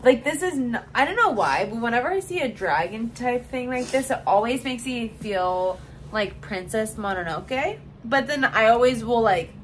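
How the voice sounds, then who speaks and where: A woman with a high, bouncing voice chats casually on a book podcast, often dissolving into giggles. A faint hiss sits under her voice. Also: expressive, normal speed. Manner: giggly, breaks into loud laughing fits. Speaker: podcast co-host. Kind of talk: casual chat about books.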